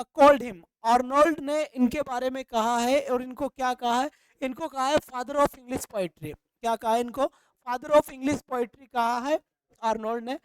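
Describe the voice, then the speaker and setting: Woman, high voice, exam-prep lecture, dry close sound. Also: clean tone, no echo, poor audio. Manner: repeats key points and quizzes the listener. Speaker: teacher.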